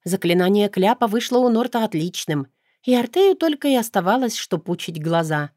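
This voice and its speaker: A woman's voice: medium pitch, animated, normal speed, a little mellow, dry recording, clean studio sound. Woman narrating an audiobook. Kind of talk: first-person audiobook narration.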